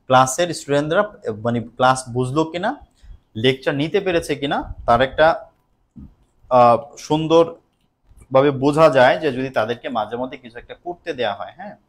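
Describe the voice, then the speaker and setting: A man's voice: medium pitch, moderate pace. A man teaching English grammar in a recorded online lesson, explaining in Bengali and patiently repeating each example.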